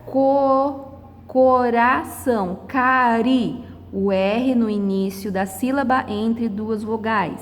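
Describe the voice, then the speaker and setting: This Brazilian woman, middle-aged and on the high side in pitch, sounds like she's in a big room. She guides her classroom through the lesson in stages, slowly and patiently pronouncing word after word.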